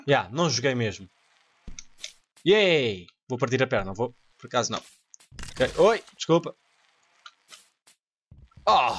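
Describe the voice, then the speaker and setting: A young man with a European Portuguese accent, commentating a game excitedly, laughing and swearing often. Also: medium pitch. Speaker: gaming YouTuber. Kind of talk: let's play commentary.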